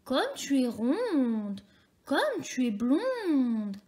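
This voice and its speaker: A woman voicing a sly old male fox who speaks slowly and flatteringly, sometimes dropping to a whisper. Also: high-pitched, exaggerated voice. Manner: slow, flattering, drops to a whisper.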